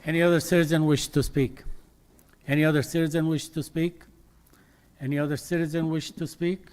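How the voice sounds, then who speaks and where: A man chairing a council meeting, briskly calling for citizen comments from off-mic. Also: on the high side, flat delivery, darkish tone, clear, resonant tone. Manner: brisk, repetitive procedural calls. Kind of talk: formal meeting procedure.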